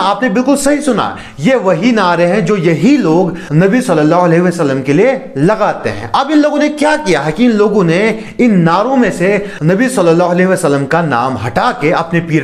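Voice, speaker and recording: A man talks through a critical commentary video with a slightly raised voice that rises and falls a lot. His delivery is mocking and sarcastic throughout. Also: high-pitched. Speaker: online commentator.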